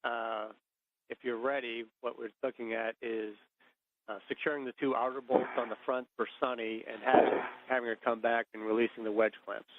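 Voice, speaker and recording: A man speaking as a mission control communicator, giving measured procedural instructions over a radio link with hesitant pauses, like a sci-fi communicator. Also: medium pitch, level tone, no room sound. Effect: radio transmission. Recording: muffled band-limited radio link.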